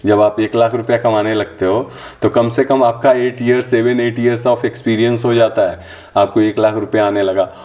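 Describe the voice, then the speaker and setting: A man's voice: on the low side, a little mellow. A middle-aged man from India hosting a personal finance channel, explaining in a casual, conversational way and checking in with the listener by asking and answering his own questions. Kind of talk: casual explainer talk to camera.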